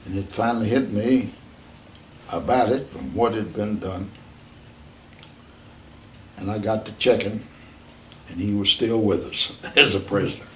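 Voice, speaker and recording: An elderly American man, a war veteran remembering in an unscripted interview, speaking in a halting, plain-spoken, matter-of-fact way. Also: lowish voice, sharp tone, a little hiss or hum.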